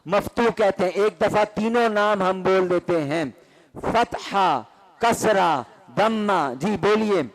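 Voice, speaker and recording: Male Quran teacher quizzing his class. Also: high-pitched. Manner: quizzing students, repeating terms loudly in rhythm. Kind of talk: classroom call-and-response lesson.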